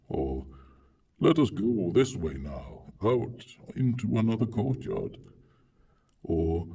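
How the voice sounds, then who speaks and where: A man performs a proud, lonely monster in a literary monologue, extremely deep and slow, with heavy creak. The delivery is hammy and stagey, grandiose yet childlike, swelling and dropping into hushes. It is picked up from a distance with faint noise. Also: exaggerated voice. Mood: playful, eager. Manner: haughty, pompous. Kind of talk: dramatic reading of a literary monologue.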